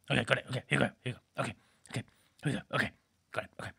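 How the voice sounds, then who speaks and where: A man playing a goofy, laddish male superhero in a comic podcast monologue, rambling and excitable, often breaking into shouts. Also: medium pitch, racing, creaky, breathy edge, exaggerated voice.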